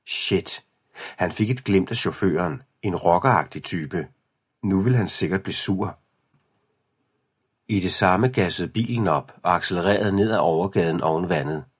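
Male narrator for a children's audiobook, deep-voiced, a bit husky, steady delivery. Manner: even storytelling.

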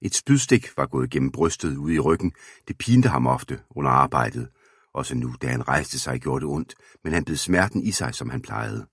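Male audiobook narrator, steady storytelling, extremely low and husky. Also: no echo, studio quality. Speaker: audiobook reader.

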